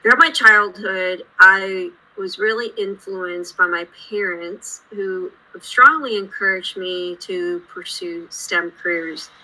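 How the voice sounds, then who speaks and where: Bright-voiced woman guest in her late twenties. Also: medium pitch, low-quality recording. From India, raised in Houston. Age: late 20s. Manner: measured, explanatory storytelling. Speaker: guest engineer. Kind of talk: podcast interview.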